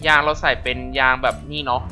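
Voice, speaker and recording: A man giving casual racing game commentary, chatty and polite as he explains, then bursting into loud excited exclamations. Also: medium pitch, quick pace. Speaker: gameplay commentator. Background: racing game music.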